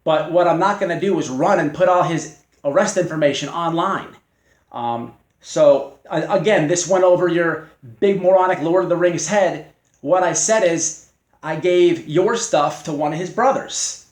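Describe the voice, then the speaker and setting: Man, taunting call-out rant, halting with fillers, somewhat high voice, roomy echo. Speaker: channel host. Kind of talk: confrontational response video.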